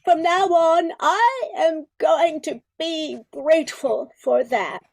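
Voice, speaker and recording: In a radio play, a woman voices an old Christmas carol's sheet music come to life, a wistful, prim, genteel character. Her very high, creaky voice is slow, darkish in tone and heavily acted, with a hopeful mood.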